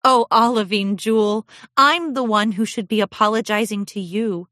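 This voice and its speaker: A woman's voice: mid-range voice, normal speed, no room sound, studio quality, close to an everyday voice. A woman reading aloud voices a kind pony princess who speaks in a soothing, caring way. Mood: gentle. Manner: warm, soothing, apologetic.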